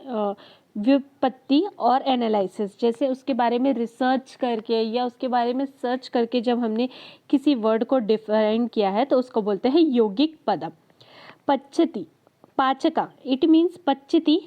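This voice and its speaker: A woman teaching an Ayurveda lesson, explaining terms in Hindi mixed with English and reading definitions slowly. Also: a little high. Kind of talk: explaining lecture. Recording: dull lo-fi audio.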